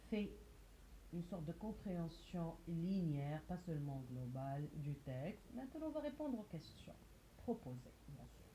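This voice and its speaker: Slow, lively-toned woman teaching reading. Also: mid-range voice, slight background noise, low-quality recording. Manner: patient, repeats words and syllables aloud, asks questions and answers them herself. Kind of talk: slow phonics lesson for young children.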